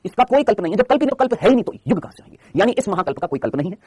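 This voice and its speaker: A man's voice: sits high, sing-song, racing, dark tone, breathy edge, no echo. A man teaching a live online biology class in Hindi, quizzing his students with constant rhetorical questions and answering them himself.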